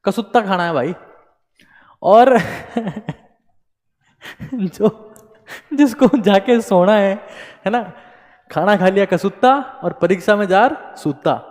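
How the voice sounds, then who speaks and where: A young Indian man, a bit under the weather, gives exam students a joking pep talk and drifts into comic voices and a Haryanvi tone. His voice sits fairly high for a man. A long reverb trails every word, as if the room were a hall. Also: extremely slow, long pauses, a little mellow. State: unwell. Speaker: coaching teacher.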